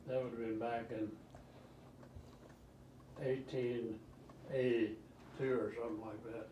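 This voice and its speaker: An old man talks casually about his memories, halting and repeating himself. His pitch is average for a man. The recording is roomy and a bit distant, with faint noise behind him. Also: little pitch movement, dull audio. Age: 80s or older. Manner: old man's halting, rambling recollection with repeats. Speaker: interviewee, grandfather. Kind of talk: casual reminiscence.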